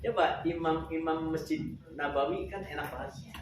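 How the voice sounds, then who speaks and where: A man from Java teaching a Quran recitation class, joking with students and chanting verses slowly for them to repeat. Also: fairly high pitch. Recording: echoey room from far off, background noise.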